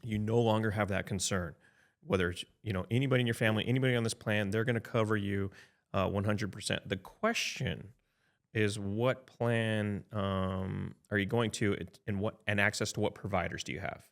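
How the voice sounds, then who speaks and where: A man of about fifty, an insurance advisor, explaining coverage in a relaxed podcast chat, often checking in with "right?" and restarting sentences. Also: fairly low pitch, moderate pace, gravelly. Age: 50s. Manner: chatty, frequent "right?" tag checks and restarts.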